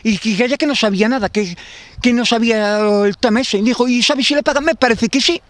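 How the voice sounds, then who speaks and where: With an extremely high, fairly bright voice, a little fast, and a dry recording, this Galician-accented man in his fifties describes facing eviction as a tenant. He's interviewed outdoors in a garden on a handheld mic, rambling with repetition and many restarts.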